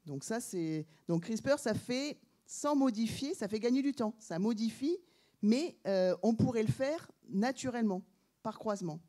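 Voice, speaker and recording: A woman's voice: lowish voice, warm tone. A woman scientist on a panel, explaining plainly to a public audience with some hesitations and corrections.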